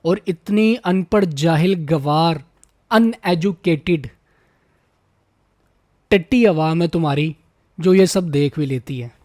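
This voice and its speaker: A man's voice: on the high side, takes it slowly, long pauses, darkish tone, dry recording, clean studio sound. A man hosting a roast video, mocking and insulting in a ranting tone. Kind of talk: roast commentary.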